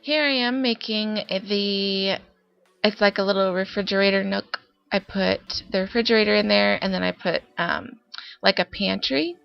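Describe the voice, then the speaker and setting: A young woman with a medium-pitched, gravelly voice narrates her Sims build at a normal pace, congested from a summer cold. As a YouTuber doing a casual voice-over, she chats and rambles with lots of fillers. The recording is dull and lo-fi, with faint music playing.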